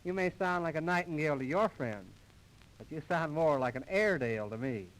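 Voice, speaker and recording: An American comedian from a singing comedy duo performs 1930s radio comedy patter and mock recitation in a folksy, mock-formal showman's style. His fairly high, bright voice has lively intonation and moves a little fast, heard on a rough old 1930s radio transcription disc with music behind him.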